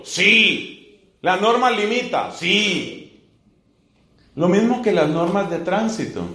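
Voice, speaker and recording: A man preaching as a friar in a teaching sermon, building slow emphatic lists and asking rhetorical questions. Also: on the high side, fairly bright tone. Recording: echoey room.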